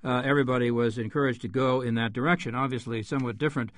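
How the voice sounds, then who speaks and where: A radio host with a medium-pitched, steady voice runs a panel, asking questions in a halting way. He stumbles over names and fills his speech with many fillers.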